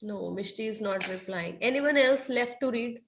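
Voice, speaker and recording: A woman's voice: a little high, normal speed, slight background noise. A woman with an Indian accent teaching an online children's class, asking checking questions and repeating key points. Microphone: online video call.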